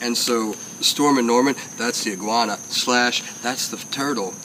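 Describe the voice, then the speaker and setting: A man's voice: medium pitch, normal speed, bright, forceful tone. Rambling goofy man, noisy outdoor recording. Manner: goofy, rambling, laughs often, trails off. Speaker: host of a casual sit-down chat. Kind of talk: rambling comic casual chat.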